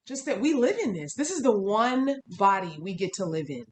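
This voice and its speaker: A woman's voice: medium pitch, sing-song, moderate pace. Reflective woman coach in an echoey room. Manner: reflective, encouraging, asks long open questions. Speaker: interview host and fitness coach. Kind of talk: casual conversational interview. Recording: echoey room with faint background noise.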